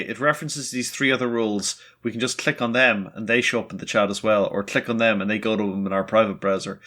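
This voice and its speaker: A man with a middle-pitched voice chats on a podcast in an easygoing way, peppering his talk with "like". He sounds loose and informal. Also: a bit bright. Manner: casual, quick asides, uses "like" often. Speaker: podcast co-host. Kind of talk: casual podcast chat.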